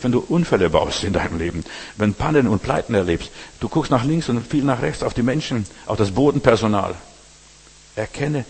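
A man's voice: on the low side, vocal fry, a little mellow, husky, long reverb tail. A man preaching a sermon, addressing listeners directly with frequent asides asking if they understand.

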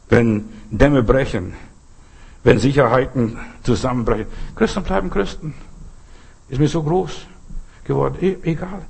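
A man's voice: mid-range voice, creaky, a little mellow, breathy edge. An older man, a pastor, preaching an earnest sermon and telling stories with acted-out quotes.

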